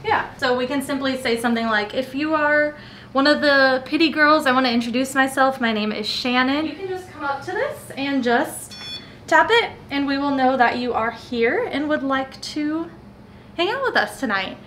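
A woman investigating a haunted lighthouse, explaining her equipment step by step and talking gently to the spirits. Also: high voice, animated, normal speed, slight background noise. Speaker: paranormal investigator. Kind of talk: casual on-location narration. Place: old lighthouse keeper's house indoors.

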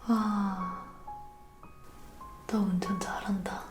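A woman whispering gently and affectionately in a roleplay ASMR, talking softly to the listener. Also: mid-range voice, little pitch movement, very slow, echoey room, music in the background. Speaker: ASMR creator.

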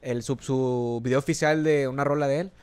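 A man hosting a casual podcast, halting and restarting his words, with relaxed slang. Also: medium pitch, clean tone. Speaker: podcast host. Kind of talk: casual chat.

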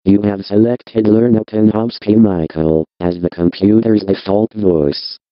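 A synthetic text-to-speech voice of a British man, speaking in a flat, monotone computer delivery. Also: on the low side, measured pace, clean tone, no room sound. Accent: British English. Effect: robotic text-to-speech voice. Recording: dull, dry lo-fi computer audio.

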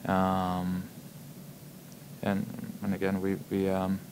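A young man, a hockey player, answering reporters' questions at a postgame press conference, halting and full of ums and repeated words, speaking into table microphones in a press room. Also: low voice, completely flat delivery, noisy background. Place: press room in front of a logo backdrop. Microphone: table microphones in front of him.

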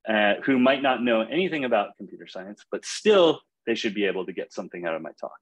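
Low-voiced young man on a webinar. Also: quick pace, breathy edge, highs cut off. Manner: relaxed, many fillers and restarts. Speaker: fellowship alumnus speaker. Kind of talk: casual webinar talk. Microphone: video call.

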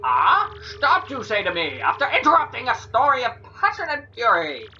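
A man plays a vain, foppish dandy sea captain from a video game, affected and fluting. The voice is pitched high and swoops theatrically with a bright edge. It is pompous through and through. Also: wildly swooping pitch, normal speed, lo-fi sound, faint music behind, heavily acted. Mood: indignant. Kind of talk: video game character voice-over.

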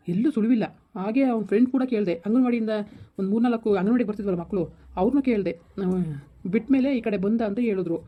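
A woman acting in a village family skit, stammering and reassuring. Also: medium pitch. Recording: dull lo-fi recording.

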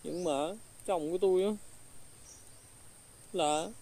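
A woman's voice: fairly low pitch, steady tone, slow pace, creaky, dark tone. Aggrieved Southern Vietnamese woman storyteller. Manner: indignant, aggrieved recounting. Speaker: storyteller in a ghost film. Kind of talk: first-person dramatic storytelling.

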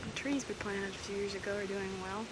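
A woman slowly narrating a home video tour outdoors into a camcorder's built-in mic, losing her voice. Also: mid-range voice, steady tone, very noisy. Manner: slow, soft-spoken pointing out sights. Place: outdoor grounds and buildings of a campus.

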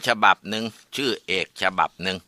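A man narrating a folk tale in a plain, steady storytelling manner. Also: fairly quick, dry recording.

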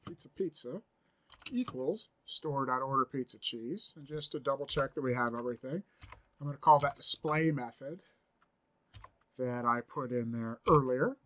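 A man's voice: mid-range voice, normal speed, a bit bright. A man in his forties giving a screen-recorded coding tutorial from a home office, thinking aloud as he types, upbeat and chatty. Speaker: programming instructor.

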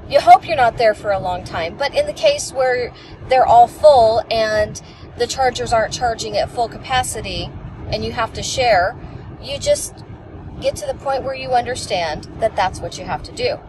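A chatty woman with a somewhat high voice and a normal pace tells rambling stories as a passenger in a moving car. A dashboard camera picks her up, and road noise is clearly audible.

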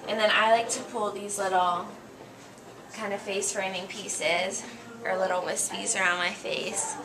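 In an indoor salon, a young adult American stylist walks through a casual how-to, her medium-pitched voice unhurried and fairly even. The low-quality recording, made on a nearby camera mic, includes music and a crowd in the background.

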